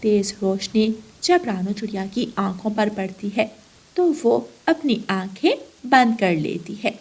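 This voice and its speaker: A woman narrating a children's cartoon story in an even, slow storytelling manner. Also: medium pitch, breathy edge. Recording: loud rain and thunder sound effects behind.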